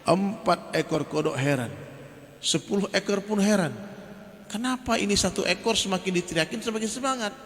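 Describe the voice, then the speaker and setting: A man preacher giving a lively, joking sermon full of stories, often turning to his listeners. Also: high voice, a little fast. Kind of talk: humorous sermon with storytelling. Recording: reverberant hall.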